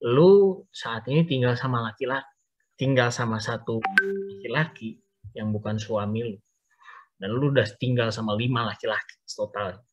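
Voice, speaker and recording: A man voicing a calm, knowing man at a well with Betawi Jakarta slang, speaking plainly and steadily. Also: medium pitch, normal speed, long pauses, dull audio, lightly acted.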